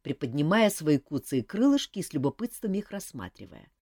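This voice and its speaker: Expressive woman reading an audiobook. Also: deep voice, a little fast, dry recording, studio quality. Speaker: audiobook reader. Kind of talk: audiobook narration.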